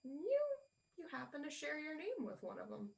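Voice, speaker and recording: A woman playing a stern elven woman with a fey presence in a tabletop game, speaking gravely and deliberately with pauses. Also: high voice, sing-song, recorded from a distance, voice pushed up, exaggerated voice. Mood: cold, contemptuous. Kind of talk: in-character tabletop role-play.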